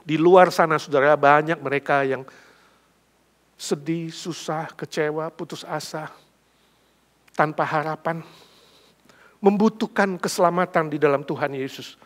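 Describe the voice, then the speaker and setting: A middle-aged male pastor preaching a sermon with emphatic, lively storytelling that builds to loud peaks. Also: on the high side, a little slow, long pauses.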